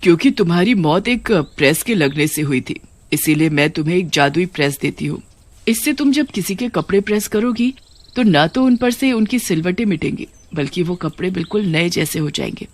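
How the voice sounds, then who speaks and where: A woman's voice: fairly low pitch, animated, normal speed. A woman playing a regal witch queen. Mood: kindly.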